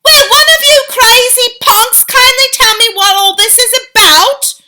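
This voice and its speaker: A woman voicing a brash, greedy young boy in a storybook reading, making loud, whiny demands. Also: extremely high pitch, huge pitch swings, slow, very noisy, voice pushed up, full character voice. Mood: demanding.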